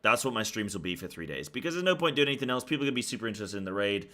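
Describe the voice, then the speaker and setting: A man's voice: fairly low pitch, sing-song, rapid-fire, fairly bright tone. Rambling male streamer chatting casually. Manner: rambling, slangy, repeats phrases. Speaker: live streamer and esports caster. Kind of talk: casual livestream chat with viewers.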